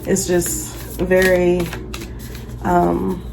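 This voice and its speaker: In a rough recording, a young woman's fairly low, gravelly voice comes through completely flat and very slow, her nose stuffy from a cold. She's a tarot reader doing a casual vlog reading in her bedroom over jazz music, chatty and affirming, frequently asking the viewer "okay?"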